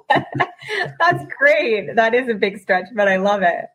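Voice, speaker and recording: A woman's voice: on the high side, very animated, takes it slowly, a bit bright, slightly rough, rough recording. Upbeat woman podcast host. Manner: enthusiastic, talkative. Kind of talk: casual interview.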